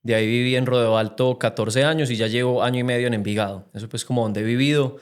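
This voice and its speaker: Podcast guest, young man, Medellín Colombian accent, earnest and reflective, mid-pitched. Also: fairly even intonation, fast talker, clear, resonant tone. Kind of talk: casual interview chat.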